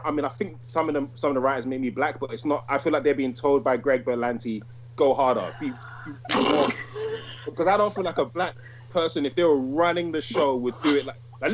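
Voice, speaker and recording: Animated man chatting, faint hum. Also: on the high side, fast talker. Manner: animated, emphatic, full of slang. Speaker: podcast co-host. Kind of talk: casual chat.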